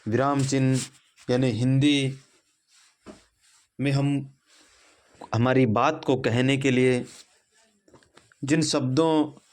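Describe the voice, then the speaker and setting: A man's voice: mid-range voice, steady tone, slow pace, long pauses, darkish tone. A man teaching a Hindi grammar lesson, explaining step by step with example sentences. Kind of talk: classroom lesson.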